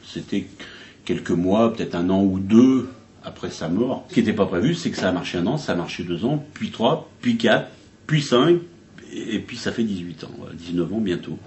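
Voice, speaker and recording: A man, an impersonator, speaking in an interview in a thoughtful, halting way with fillers. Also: low voice, expressive, a little mellow, roomy sound, slight background noise.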